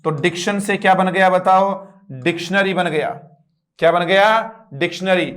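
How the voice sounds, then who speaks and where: A man's voice: high voice, a little slow, fairly bright tone. A man teaching an English lesson, spelling words letter by letter and asking students to repeat. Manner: repeats words and quizzes listeners with rhetorical questions. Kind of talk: online class lecture.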